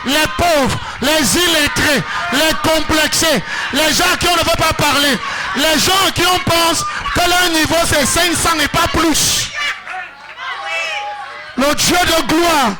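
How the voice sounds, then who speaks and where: A pastor preaching to his congregation, shouting and chanting calls for them to answer. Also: extremely high pitch, rough recording. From Cameroon. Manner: shouting, chanting call-and-response. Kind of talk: shouted sermon with song. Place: church service.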